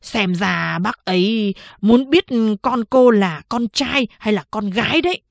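A woman doing a gruff old town chief. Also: medium pitch, unhurried, dry recording. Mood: grave. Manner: barking, scolding. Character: gruff elderly male town chief, scolding.

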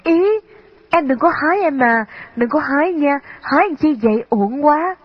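A woman voicing a gentle young woman, a kind older sister, speaking with soft, tender pleading in a storybook. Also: high voice, normal speed, no echo, pitched above the performer's own voice. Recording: slightly dull lo-fi recording.

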